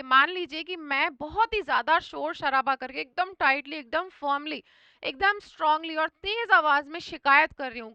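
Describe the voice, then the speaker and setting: A woman's voice: high-pitched, bright, forceful tone, no echo, muffled recording. A woman teaching English vocabulary for an exam in Hindi, mixing in English words and often checking in with her students. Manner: often repeats "thik hai" to check understanding.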